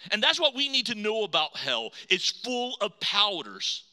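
A man preaching a sermon as pastor, dramatic, swinging between loud emphasis and hushed low lines. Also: huge pitch swings, normal speed.

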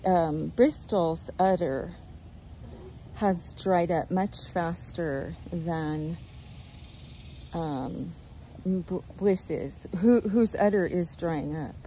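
An older woman chatting casually outdoors on her farm, talking gently and rambling as she loses her train of thought. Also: lowish voice, very slow, long pauses, a little hiss or hum, poor audio. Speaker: goat rancher. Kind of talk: casual farm vlog chat.

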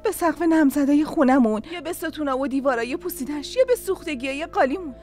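A sharp-tongued, bossy sister-in-law in a dubbed TV drama. She talks in a high voice, mocking and sarcastic, and keeps rushing people along. Faint music plays under her. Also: animated. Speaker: dub actress. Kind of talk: Persian-dubbed TV drama acting.

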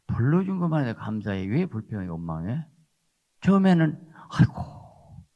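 Older male pastor, gravelly low voice, emphatic sermon, muffled lo-fi recording. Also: darkish tone. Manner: emphatic, repeats rhetorical "어?" tags. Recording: dull lo-fi sound.

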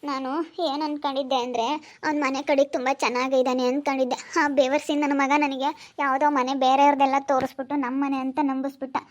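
A woman's voice: high voice, little pitch movement, fast talker, muffled recording, close to an everyday voice. A woman playing a tearful young married daughter who begs and apologizes. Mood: pleading. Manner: begging, apologetic.

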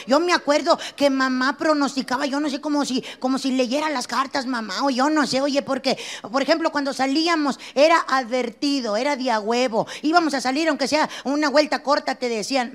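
A woman's voice: high-pitched, a bit bright. A middle-aged woman with a northern Mexican accent doing a brash stand-up comedy monologue, acting out a scolding mother. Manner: brash, quick-switching, acts out scolding mother.

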